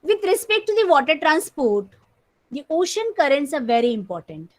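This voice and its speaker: A woman teacher with a Marathi accent, explaining slowly in an online class, heard on a screen recording of the call. She repeats key terms and often clears her throat. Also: high voice, sing-song.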